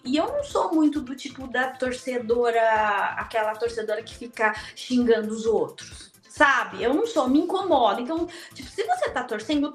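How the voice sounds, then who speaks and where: A woman's voice: high-pitched, roomy sound. A middle-aged woman, a podcast guest talking casually and acting out the dialogue in her stories. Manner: animated storyteller, acts out quoted dialogue. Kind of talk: casual interview chat.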